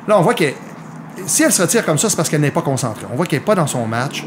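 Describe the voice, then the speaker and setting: A man's voice: on the high side, very animated, very fast, noisy background. A man with a Quebec French accent giving live golf commentary on a mini-golf match, explaining the play to viewers.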